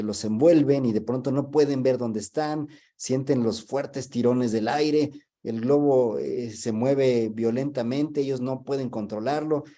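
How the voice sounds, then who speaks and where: A man speaks as a guest in a webinar on leadership. He explains at length and tells stories, and he pauses on the filler "este". His voice sits at an average pitch and has a warm, mellow tone. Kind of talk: webinar talk.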